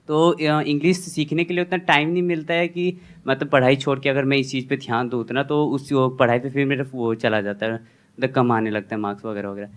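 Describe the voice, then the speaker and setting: A man's voice: medium pitch, fairly bright tone. A young male student in the audience asking a long, hesitant question full of fillers.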